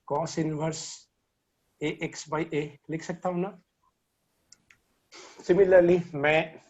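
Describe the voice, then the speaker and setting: A male physics teacher, talking very slowly through vector sums and counting out each step. His voice sits a little high, and the recording has a dull, lo-fi sound. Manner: mixes Hindi and English, counts aloud while working sums. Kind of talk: online lecture.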